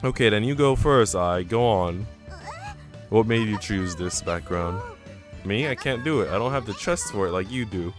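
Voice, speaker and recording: A man's voice: on the low side, expressive, normal speed, soft background music. A man reading a visual novel aloud on a stream, mixing narration with casual, chatty remarks to viewers. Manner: chatty asides between narrated passages. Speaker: game streamer.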